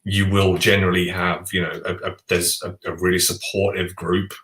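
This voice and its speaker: A man with a fairly low voice chats eagerly as a podcast co-host, often restarting his sentences. His voice bounces around a roomy, echoey space. The talk is loose and conversational. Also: level tone, moderate pace, a bit bright. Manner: chatty and enthusiastic, with frequent restarts. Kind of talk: casual chat about board games. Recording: roomy echo.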